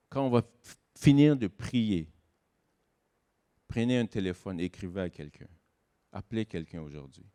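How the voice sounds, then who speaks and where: Man preaching a sermon, swings from loud stresses to hushed asides, slows on key words. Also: on the low side. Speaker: guest pastor.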